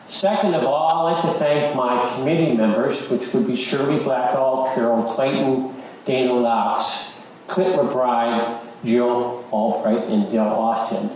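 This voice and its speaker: Here a middle-aged or older man with a mid-range voice, a church lay leader who chairs the search committee, delivers an announcement and brief devotional to the congregation. His speech is halting, with words repeated. It was captured indoors in a large, echoey sanctuary by a far-off mic, with background noise.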